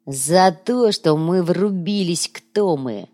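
A woman voicing a rough, slangy male gang boss who talks bluntly in an audiobook. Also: lowish voice, lively intonation, slow, warm tone. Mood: gruff.

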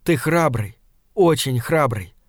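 A man reading an audiobook voices a composed woman of high rank who speaks in a measured, reasoning way. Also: a little mellow, dry recording, clean studio sound, natural voice. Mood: tender.

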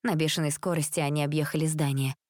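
A woman narrating a story aloud in a steady storytelling manner. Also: low-pitched, quick pace, dry recording, studio quality. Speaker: reader.

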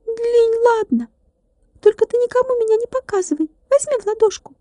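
Brief: tiny glass drummer with a high ringing, huffy voice, clipped and offended, read by a woman, storybook figure, dry sound. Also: lively intonation, normal speed, mellow, dry recording. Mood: indignant. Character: tiny touchy glass drummer, male, indignant.

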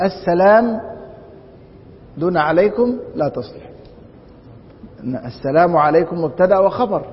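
A man with an Egyptian Arabic accent teaching Islamic law in a classroom lecture. He keeps posing rhetorical questions and answering them himself. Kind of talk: classroom lecture on a religious text. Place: large mosque lecture hall. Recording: dull, reverberant hall with faint rumble.

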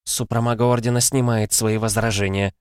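A man voicing an anxious female high sorceress, deferential and pleading. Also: level tone, fairly quick, clean tone, no echo, clean studio sound, natural voice.

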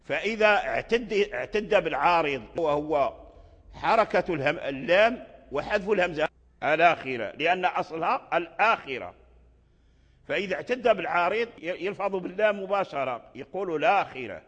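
A man's voice: fairly high pitch, animated, a bit bright, breathy edge. A man teaching as a sheikh, explaining a recitation poem and repeating words aloud to show how they are pronounced. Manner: deliberate explaining, with restarts. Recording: echoey hall, dull lo-fi sound.

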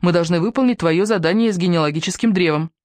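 A woman reading an audiobook and voicing a harried young mother who scolds briskly. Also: lowish voice, darkish tone, no room sound, natural voice. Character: harried young mother, stern yet guilty.

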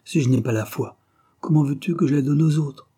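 A man voicing a big, brash young man who talks bluntly and provokes others with mocking calm. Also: a little high, brisk, husky, voice pushed up. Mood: defiant.

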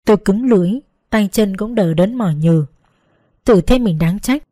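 A woman narrating an emotional first-person story in a slow, gentle, measured reading. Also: mid-range voice, expressive, no echo. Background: faint background music.

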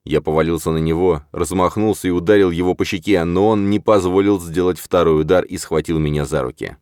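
A man narrating a first-person story as an audiobook, in a steady, measured manner. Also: low voice, clear, resonant tone, no room sound, clean studio sound.

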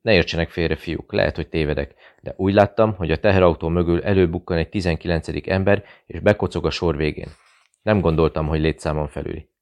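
A man's voice: sits low, steady tone, darkish tone. A man reading a shrewd, polite veteran. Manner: polite, probing.

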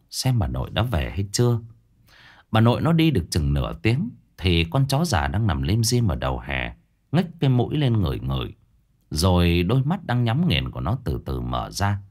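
A man narrating a ghost story in a dramatic, suspenseful way. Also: low-pitched.

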